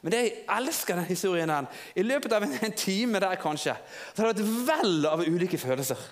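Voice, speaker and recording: A man preaching in an informal storytelling way, halting and restarting often. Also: sits high, expressive. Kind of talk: sermon.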